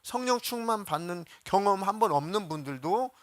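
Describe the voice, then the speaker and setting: A man preaching a Sunday sermon as a pastor, telling stories with animated delivery and acting out the voices he quotes. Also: high-pitched, moderate pace, no room sound, studio quality. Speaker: senior pastor. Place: church sanctuary.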